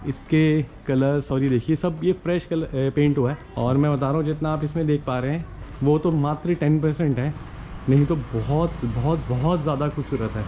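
Holding his camera at arm's length, this forties-aged travel vlogger walks through quiet old streets, chatting like an excited tour guide and slipping in English words. His voice is a little high and his speed normal. The lo-fi sound carries music, faint street ambience and passing vehicles.

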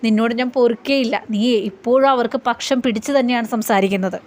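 A stern, unforgiving husband who turns away his wife's apology, read out by a woman recapping a serial. The voice sits fairly high and moves quickly, with no real change from her own speech. It is a plain spoken retelling, not a studio drama. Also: darkish tone, natural voice. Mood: bitter. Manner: stern, bitter. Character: angry estranged husband, a grown man.

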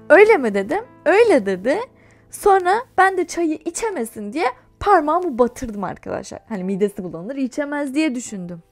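A young woman vlogging, chatting and laughing as she tells a personal story. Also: on the high side. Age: young adult. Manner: chatty, animated, laughs while telling. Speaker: YouTuber. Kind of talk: casual storytelling vlog.

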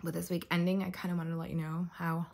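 A woman vlogging at home in a casual, rambling way, hoarse and coughing from bronchitis. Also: fairly low pitch, flat delivery, fast talker, darkish tone, slight background noise. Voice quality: husky, lost voice. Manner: chatty, rambling with fillers. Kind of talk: casual vlog chat.

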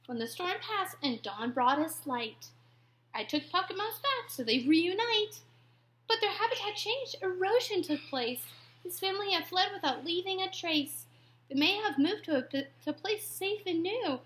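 A woman voicing a kind, caring female beach educator in a storybook read-aloud, speaking softly and gently. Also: extremely high pitch, expressive, moderate pace, slight background noise, voice pushed up. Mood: gentle.

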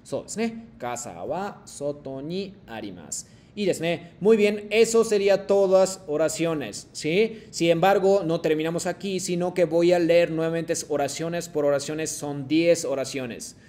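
A man teaching a Japanese class online, slowly modeling phrases for his students to repeat. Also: a little high, a little mellow. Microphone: video call.

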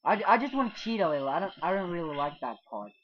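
A man hosting a casual let's play, excitable, swearing and yelping when startled. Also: high-pitched, quick pace. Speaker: gaming channel host. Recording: dull lo-fi mic.

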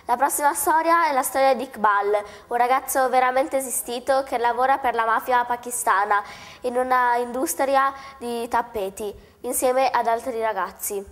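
A woman's voice: on the high side, moderate pace, a bit bright, in a large hall. A teenage schoolgirl anchoring a school news broadcast, announcing the next segments.

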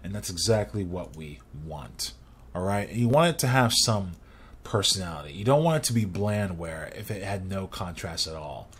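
Young male tutorial host, low-pitched, loose rambling delivery at a desk mic. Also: lively intonation, normal speed, husky. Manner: rambling, restarts phrases, casual. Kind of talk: screen-recorded software tutorial.

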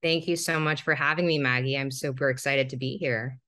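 A woman in her thirties from Singapore, a podcast guest calmly telling her life story over a video call. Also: very deep voice, a little fast, no room sound, clean studio sound. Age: 30s. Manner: calm, reflective storytelling. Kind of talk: remote interview.

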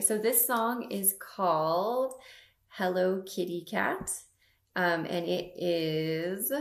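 A young woman reading picture books to toddlers as a storytime host, asking simple questions with exaggerated emphasis. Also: lowish voice. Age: young adult. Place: small room at home, indoors. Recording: roomy home webcam sound.

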